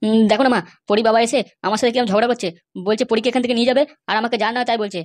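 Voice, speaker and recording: A woman's voice: on the high side, steady tone, rapid-fire, voice pushed down, lightly acted. A woman voicing an anxious young married man in a cartoon, pleading and flustered.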